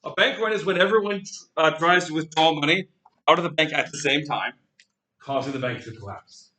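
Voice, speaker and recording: A male economics lecturer with a somewhat high voice speaks fairly quickly, heard from far off in an echoey classroom. He tells lively stories, acts out little scenes and puts questions to his students.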